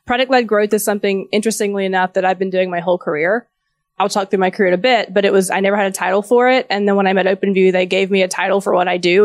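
A woman's voice: mid-range voice, no echo. Woman, Southern US accent, informal and chatty conference speaker, dry close sound. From Georgia, US South. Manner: chatty, informal, asks audience questions. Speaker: venture capital partner, conference speaker.

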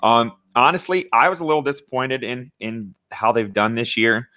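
A man's voice: medium pitch, expressive, normal speed, bright, forceful tone, dry recording. A young man from Indiana, co-hosting a sports podcast in a loose, conversational way with lots of fillers and restarts. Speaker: podcast co-host. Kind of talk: casual sports talk.

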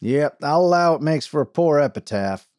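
A man voicing a big, commanding frontier sheriff who booms out orders and talks in a folksy drawl. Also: lively intonation, normal speed, darkish tone, dry recording, studio quality, natural voice. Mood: wry.

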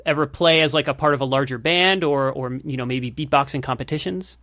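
Host: man with a bright, forward voice and searching, stop-start delivery, dry close recording. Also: mid-range voice, no echo. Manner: halting, searching phrasing with many restarts. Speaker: podcast host. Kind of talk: casual interview conversation.

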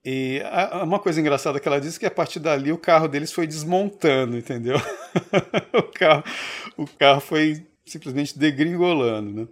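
A man's voice: on the high side, moderate pace. A man from Brazil co-hosting a podcast, telling a long story in casual chat and acting out the quoted voices. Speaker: podcast co-host.

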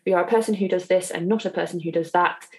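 A woman with a fairly low voice co-hosts a podcast. She talks in a reflective, unhurried chat, trailing off and circling back with fillers as she thinks. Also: steady tone. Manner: thoughtful, hesitant, many fillers. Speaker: podcast co-host.

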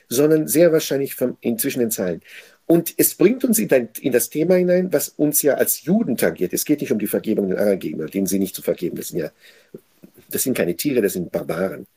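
Male Torah teacher, husky and mellow, emphatic delivery with repeated phrases and scripture quoted aloud. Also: medium pitch, lively intonation, fast talker. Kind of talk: weekly Torah portion commentary.

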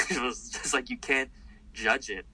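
Bright-voiced comedian talking loosely. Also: male voice, medium pitch, unhurried, breathy edge, rough recording. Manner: rambling and animated, with many fillers. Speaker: comedian guest. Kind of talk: casual interview talk.

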